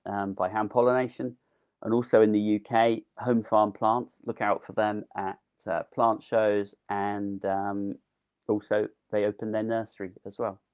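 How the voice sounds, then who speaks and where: A man's darkish voice sits on the low side as he gives an enthusiastic, informal live talk online about gardening, drawing on his experience growing delphiniums. Ums fill his chatty delivery, and his voice is wearing out.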